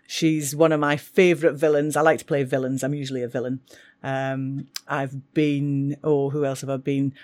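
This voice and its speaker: A woman teacher, talking with enthusiasm about books she loves. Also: low-pitched. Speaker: English teacher. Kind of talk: casual talk for school radio.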